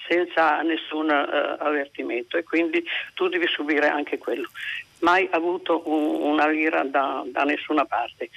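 An older woman speaks to a radio host over a phone line, her voice bright and gravelly with a lot of vocal fry. She talks in halting stretches, stopping often and starting her sentences again. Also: sits low. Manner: halting, with many hesitations and restarts. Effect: heard over a phone line. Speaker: radio show caller. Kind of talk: complaining call-in chat.

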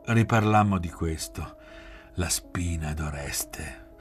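A man reading a novel aloud in measured, quiet literary narration. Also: low-pitched, over music. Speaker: reader.

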